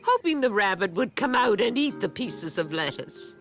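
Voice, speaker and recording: A woman narrating a children's cartoon in a warm, clear storytelling voice. She sits at a middle pitch but swings it widely from phrase to phrase. A faint music bed runs behind her. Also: very animated, moderate pace.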